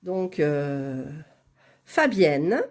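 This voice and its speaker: A woman's voice: deep voice, sing-song, very slow, a little mellow. A woman chatting casually while drawing giveaway winners on a computer, laughing at her own fumbling. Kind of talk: casual screen-recorded vlog.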